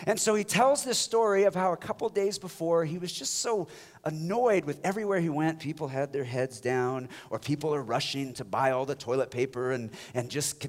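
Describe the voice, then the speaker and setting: With a mid-range male voice, a preacher gives a fervent sermon. He shifts from booming exhortation down to quiet, near-whispered passages.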